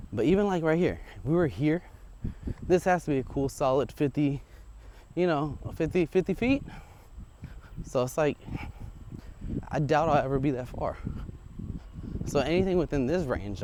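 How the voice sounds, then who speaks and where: Outdoors on a residential street, a man walks uphill while testing audio gear, recording a casual unscripted vlog through a wireless lavalier on his shirt. He chats informally and muses aloud in a medium-pitched, slightly mellow voice, and there's a little hiss or hum.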